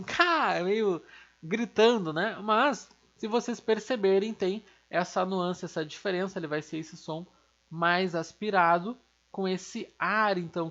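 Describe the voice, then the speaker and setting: A woman's voice: medium pitch, a bit bright, muffled recording. A woman teaching an online language lesson, explaining step by step and asking and answering her own questions.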